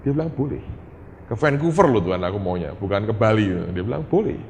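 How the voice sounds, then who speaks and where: Animated preacher in an echoing church hall. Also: male voice, on the low side, fast talker. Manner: animated, conversational, often turns to the congregation. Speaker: pastor. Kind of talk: sermon with told prayers and anecdotes. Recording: reverberant hall, faint room noise.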